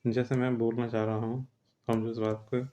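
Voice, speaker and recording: A man's voice: mid-range voice, little pitch movement, normal speed, dark tone. A man teaching an exam-prep grammar lesson, explaining step by step and often checking with "theek hai".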